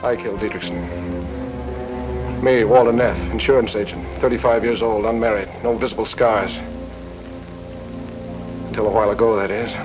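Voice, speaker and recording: An actor in his thirties playing a male insurance agent who confesses a killing in a flat, clipped voice, heard in an old film trailer. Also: fairly low pitch, moderate pace, pauses often, music in the background, close to an everyday voice, low-quality recording. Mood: grim. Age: 30s.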